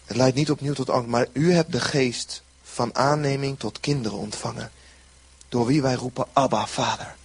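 A man's voice: mid-range voice, normal speed, creaky, husky. A man preaching a sermon in an earnest way, repeating short phrases for emphasis.

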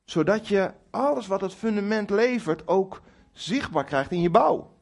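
A middle-aged man's creaky, high-sitting voice moves a little slowly as he preaches in a church hall. He's lively and emphatic, speaking directly to the congregation with touches of humour and acted quotes directed at God.

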